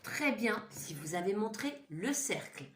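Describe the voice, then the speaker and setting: A woman's voice: mid-range voice, big pitch swings, measured pace, a little hiss or hum. A woman teacher giving a home-school lesson to young children, patiently repeating sounds and words for them to echo. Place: home room. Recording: echoey room.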